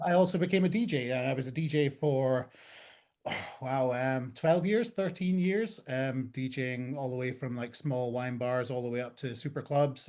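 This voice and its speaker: A Scottish man in his forties talks about his career in a loose, easygoing conversational style. He fills his pauses with frequent ums. His voice sits at an ordinary middle pitch. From Scotland. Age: 40s. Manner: relaxed and chatty, many ums. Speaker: talent agent, guest. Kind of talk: casual conversation.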